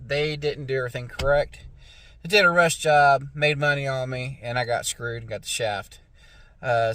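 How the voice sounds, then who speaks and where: An American man talking casually to viewers as a motorcycle vlogger, in a plainspoken, folksy way. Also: mid-range voice. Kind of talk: casual vlog chat.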